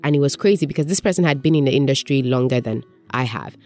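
A woman's voice: rumbling low, quick pace, darkish tone, soft background music. A woman, a radio presenter and voiceover artist, talking candidly about her own experiences and acting out what people said to her. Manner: candid, storytelling, acts out quoted remarks. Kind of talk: reflective personal talk.

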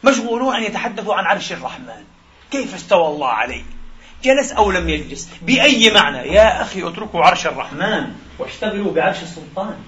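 A man in his forties delivering a Friday sermon in a mosque, impassioned, with sharp swings in pitch and loudness. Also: sing-song, quick pace, muffled recording. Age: 40s. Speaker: preacher.

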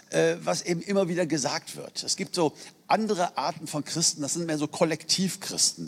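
A middle-aged man preaching a sermon in an earnest, conversational way, asking the congregation rhetorical questions. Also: a little high. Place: church hall. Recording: reverberant hall.

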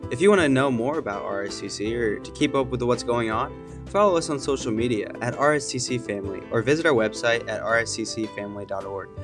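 Man, church podcast host, scripted welcome, mid-pitched voice, clear guitar bed behind. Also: fast talker. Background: guitar music.

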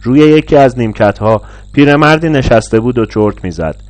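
A man narrating a literary short story in a measured, reading style. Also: mid-range voice, animated, darkish tone, no room sound.

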